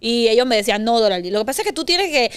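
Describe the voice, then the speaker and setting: A young woman, chatting as an interview guest and telling lively stories. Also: on the high side, racing, clean tone. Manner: lively storyteller, acts out voices. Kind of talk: casual interview chat.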